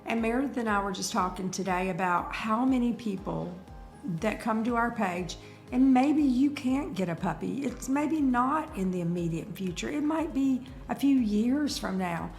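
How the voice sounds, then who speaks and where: A woman's voice: a little high, moderate pace, soft background music. A middle-aged woman, co-hosting a casual live chat and telling stories with emphatic energy. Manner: animated storyteller, emphatic. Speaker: co-host of a breeder's live chat.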